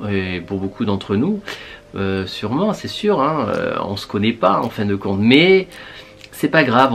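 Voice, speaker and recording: A man, a beauty vlogger, chatting casually to his viewers while putting on a face mask, thinking aloud with many fillers. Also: fairly low pitch.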